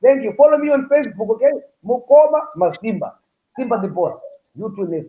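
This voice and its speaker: Boastful animated man on a phone recording. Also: very high-pitched, a little fast. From Zimbabwe. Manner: boisterous, joking and boastful. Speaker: patient filming himself. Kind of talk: casual chat. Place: hospital room. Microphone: phone camera. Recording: tinny phone-like audio.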